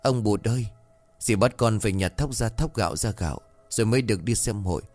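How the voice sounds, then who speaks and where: A poor, timid young girl from a folk tale, read by a man. She pleads plaintively in a deep reading voice. Soft music plays behind. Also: a little fast, big-room sound, close to an everyday voice.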